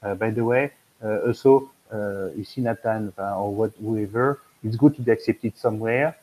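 A French man in his fifties, with a French accent, speaks as an admissions consultant in a webinar over a video call from a room at home. His voice is lowish and dark at a moderate pace, the recording is low quality, and he rambles with many fillers and restarts.

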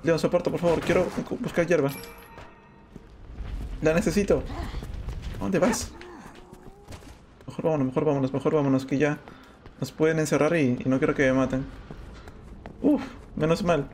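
Male game streamer, high and animated, excitable, noisy recording. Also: normal speed, long pauses. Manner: excitable, yells and whines at the game. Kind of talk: gameplay commentary.

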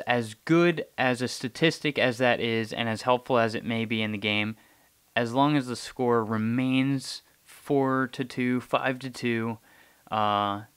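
Young male podcast host, smooth clear tone, casual halting delivery, close mic. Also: lowish voice, a bit bright. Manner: halting, repeats words while thinking. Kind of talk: casual sports chat.

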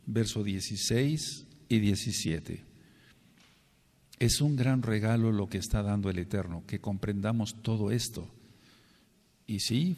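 A low-voiced man with a Mexican Spanish accent preaches a Bible lesson in an earnest, repetitive teaching style. His words ring out with a long reverb, as if spoken in a large hall. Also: a little mellow. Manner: earnest, repeats and spells out words for emphasis. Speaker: congregation leader teaching.

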